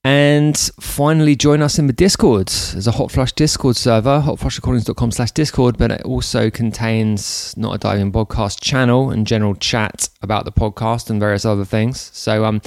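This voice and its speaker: A man hosting a podcast, talking in a relaxed, rambling way with many fillers. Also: mid-range voice, no echo, studio quality. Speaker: podcast host. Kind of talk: casual podcast chat.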